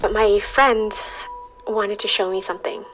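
A woman softly recalling a memory in a reflective, soft-spoken way. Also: medium pitch, fairly even intonation, measured pace, rough recording. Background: music.

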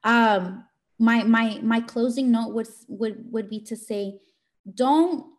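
Woman, slightly high voice, emphatic, scolding teacher tone, colloquial, direct, informal motivational talk. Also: darkish tone. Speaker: teacher coach and educator giving a talk.

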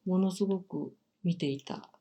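A middle-aged Japanese woman chatting casually as a podcast guest, gentle and reflective, with many small filler pauses and a trace of Kansai. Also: fairly low pitch. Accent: standard Japanese with some Kansai. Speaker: podcast guest, workshop teacher. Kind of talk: casual interview chat.

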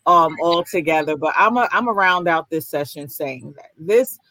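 A woman's voice: deep voice, animated, normal speed, pushed and bright, no echo, rough recording. A woman hosting an online talk session, chatting in an enthusiastic, slangy way. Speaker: host. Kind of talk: casual online talk show chat.

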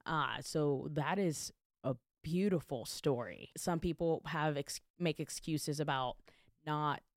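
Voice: medium pitch, takes it slowly, no echo, studio quality. A podcast interviewer in casual chat, encouraging and repeating phrases for emphasis.

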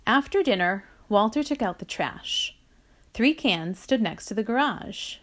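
A woman reading a children's story aloud, with a slow, expressive delivery. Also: medium pitch.

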